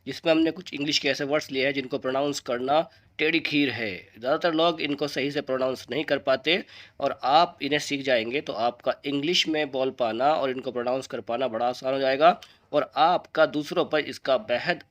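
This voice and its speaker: A man's voice: steady tone, fairly bright tone. Man teaching pronunciation. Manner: slows and drops low on each correct word. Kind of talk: scripted lesson with quiz questions to viewers.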